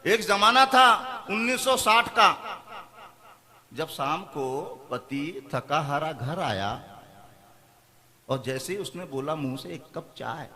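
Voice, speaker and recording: A middle-aged man, a comic poet, telling funny stories on stage with quick switches into quoted voices. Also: high-pitched, sharp tone. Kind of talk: stand-up storytelling.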